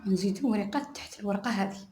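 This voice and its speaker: A woman teaching crochet step by step, softly counting stitches aloud. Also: mid-range voice, reverberant. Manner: soft-spoken, counts stitches aloud slowly. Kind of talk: step-by-step tutorial narration.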